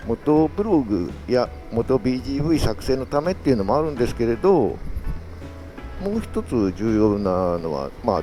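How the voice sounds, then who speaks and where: Guy rambling on his motorbike vlog inside his helmet, pitch really up and down, music in the back. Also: warm tone. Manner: talking inside a full-face helmet. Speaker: motovlogger. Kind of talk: casual solo vlog chat while riding. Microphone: action camera with external mic adapter.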